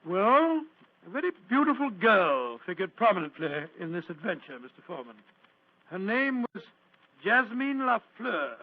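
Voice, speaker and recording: High-voiced, genial old Doctor Watson. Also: male voice, very animated, moderate pace. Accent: British. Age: older. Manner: chuckling, hesitant, old-fashioned courteous. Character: genial, doddering elderly Doctor Watson, storytelling old gentleman. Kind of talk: 1940s radio acting. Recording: dull, lo-fi old radio recording.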